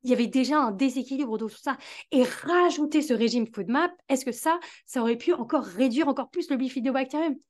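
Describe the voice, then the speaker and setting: A woman with a high, light voice hosts a solo educational podcast. She explains each point earnestly and talks straight to the listener, as if advising one person. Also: fairly quick, a little mellow. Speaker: podcast host, digestive health specialist.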